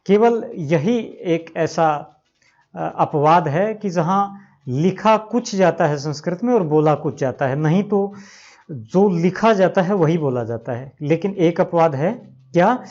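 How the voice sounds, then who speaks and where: A man teaches grammar at an unhurried, measured pace and says each example word more than once, drawing the sounds out. His voice sits a little high for a man. The recording is dull and lo-fi. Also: lively intonation, darkish tone. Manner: slow, repeats examples, stretches out words to pronounce them. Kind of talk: explanatory lesson.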